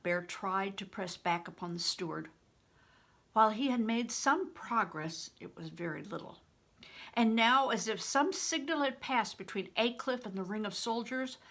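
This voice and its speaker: An older woman with a slightly high voice reads a children's novel aloud as a storyteller. Her audiobook narration is expressive and deliberate.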